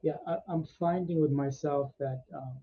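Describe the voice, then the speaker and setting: A male meditation host chatting with his group on a video call, effusive and energetic. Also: a little high, moderate pace. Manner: energetic, effusive, talks with laughs. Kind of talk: casual group chat after a meditation. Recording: slightly muffled video call audio.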